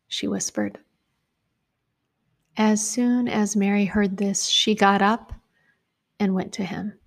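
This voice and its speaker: A woman reading scripture and reflecting on it as a preacher, in a hushed, intimate way that often drops to a whisper. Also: mid-range voice, gravelly.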